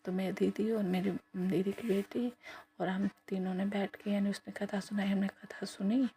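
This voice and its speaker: A middle-aged woman tells a devotional testimony to a congregation, narrating evenly and dropping into soft whispered asides. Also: mid-range voice, moderate pace. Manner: flat, even storytelling with soft whispered asides.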